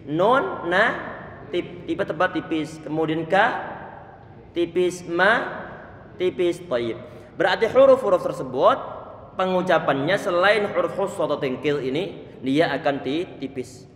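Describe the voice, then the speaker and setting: A middle-aged man with a fairly high voice teaches recitation, sounding each letter aloud, restarting words and asking if it is clear. He is heard in a room with long, ringing reverb. A faint rumble runs underneath. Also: lively intonation, measured pace. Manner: repeats and models letter sounds, stops to check the listener. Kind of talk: tajwid lesson explaining letter sounds.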